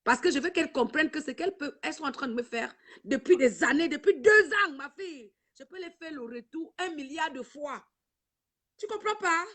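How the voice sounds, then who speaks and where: A woman's voice: sits high, fairly quick. A woman hosting a live video stream, talking to the camera in an emotional, preachy and repetitive way. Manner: preachy, repetitive, keeps saying "ma fille". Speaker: livestream host. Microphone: own camera.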